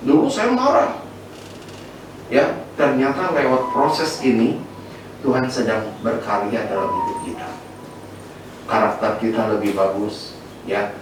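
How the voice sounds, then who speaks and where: A male pastor giving an animated sermon, swinging his pitch up and down and often restarting words. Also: measured pace, pauses often, distant mic, background noise. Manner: animated preaching, sweeping pitch, frequent fillers and restarts. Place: church sanctuary. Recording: echoey church hall from afar with faint ambience.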